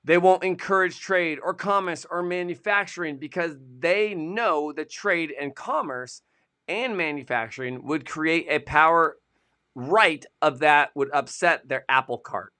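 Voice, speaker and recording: A man's voice: fairly high pitch, a little slow, bright, forceful tone, smooth. A man co-hosting a casual live-stream, chatting and joking as he reads idiom history from his sources. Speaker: co-host of a produce industry show.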